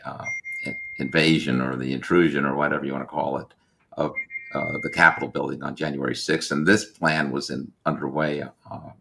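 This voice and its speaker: A man's voice: rumbling low, creaky, a bit bright. Man with glitchy, cutting-out video-call audio. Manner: halting, with many restarts and fillers. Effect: glitchy audio that cuts out and lags. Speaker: panel guest on a video call. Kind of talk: casual panel talk.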